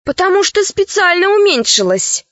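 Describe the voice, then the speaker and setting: A woman's voice: very high-pitched, very animated, moderate pace, no echo, muffled recording, pitched above the performer's own voice. A woman voicing a curious, polite young girl who speaks earnestly.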